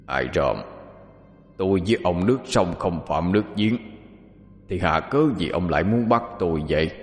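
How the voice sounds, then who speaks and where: A man voicing a vengeful old male ghost with a raspy, broken voice. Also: low voice, animated, reverberant, big-room sound, faint music behind. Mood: menacing. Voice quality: raspy, halting.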